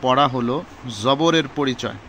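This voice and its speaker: A man with a Bangladeshi Bengali accent teaches Quran reading slowly, step by step, repeating each syllable several times. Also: mid-range voice, fairly even intonation, bright, forceful tone, a little hiss or hum. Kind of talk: slow step-by-step lesson.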